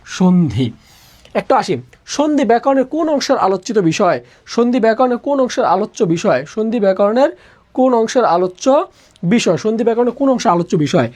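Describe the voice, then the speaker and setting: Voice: mid-range voice, sing-song, fairly quick, darkish tone. A teacher leading a live online grammar class, repeating each question and then answering it. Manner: drills by asking a question, then answering it, many times over.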